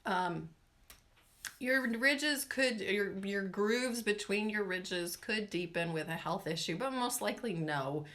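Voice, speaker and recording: A woman's voice: medium pitch, expressive, slow pace, fairly bright tone. A middle-aged woman explaining nail care in a casual talk, chatty and rambling, full of fillers and asides.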